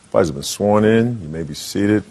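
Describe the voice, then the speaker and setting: A man's voice: fairly low pitch, quick pace, dark tone, slight background noise. A man working as a court bailiff, making formal announcements and directing people in a courtroom.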